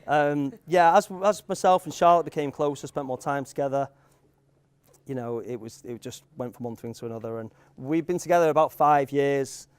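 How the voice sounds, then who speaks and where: Speaking with a smooth, mid-range voice at a moderate pace, the groom, a young man from the Isle of Man with a Manx accent, gives a hesitant, rambling, jokey informal speech. It's recorded live at the wedding venue, with guests audible in the room.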